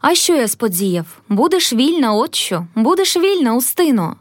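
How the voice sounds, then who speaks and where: A grim, stubborn young serf, as a woman reader puts him on, firm and gloomy in his words. The voice rises and falls in lively swings, recorded close and dry. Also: sits high, normal speed, no room sound. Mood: stern resolve. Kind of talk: audiobook character reading.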